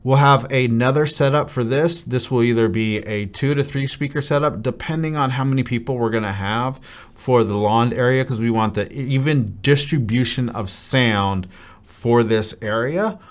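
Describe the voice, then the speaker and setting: A man's voice: medium pitch, normal speed. Upbeat man explaining wedding DJ plans. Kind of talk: venue overview talk to camera. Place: dim studio set with brick wall.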